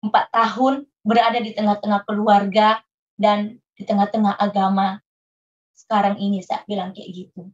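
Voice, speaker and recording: In a muffled, lo-fi recording, a woman being interviewed earnestly tells a painful personal story, re-enacting past conversations. Her mid-range voice keeps a level tone and moderate pace.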